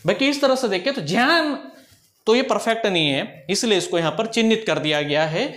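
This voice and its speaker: A man with a high voice teaches a grammar lesson in a patient, explanatory way. He stops often to ask whether his students are following. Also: brisk, a bit bright. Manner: explanatory, asks checking questions often.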